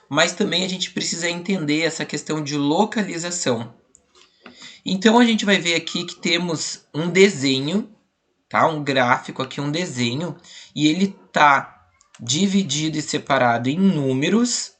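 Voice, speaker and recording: A man's voice: a little high, fairly bright tone. A young man with a Brazilian Portuguese accent, a primary school teacher walking pupils through a worksheet in an online class, patiently spelling out letters and syllables.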